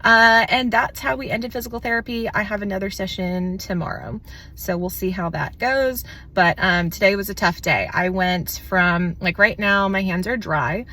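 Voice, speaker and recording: A woman talking casually to the camera in a vlog, out of breath and shaky, her words a little slow and slurred, candid and chatty with fillers. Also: mid-range voice, bright, forceful tone. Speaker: vlogger.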